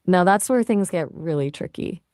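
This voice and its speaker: A woman's voice: on the low side, no echo, clean studio sound. Chatty synthetic woman's assistant voice. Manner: chatty and relaxed, with casual fillers. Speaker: AI voice assistant answering questions. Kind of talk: casual conversational answers.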